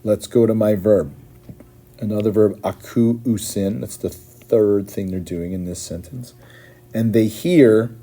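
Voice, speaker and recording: A man's voice: on the low side, dark tone. A man teaching and patiently explaining as he translates line by line, often checking in with "right?".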